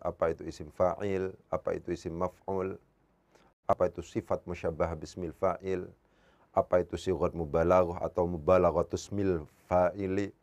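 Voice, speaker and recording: A man giving an evening Arabic grammar lesson, patiently explaining and repeating key terms, his voice lifting whenever he stresses a point. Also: darkish tone. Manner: rises in pitch and volume when driving a point home.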